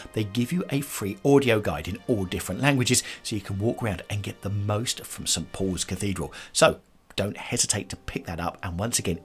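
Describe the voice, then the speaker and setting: A man narrating a travel vlog as a tour guide, chatty and speaking directly to the viewer. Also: fairly low pitch. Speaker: tour guide and video host.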